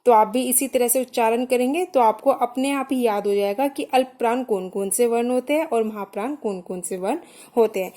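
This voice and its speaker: A woman's voice: fairly high pitch, warm tone. A young woman teaching a grammar lesson, patiently saying sounds one at a time for learners to copy.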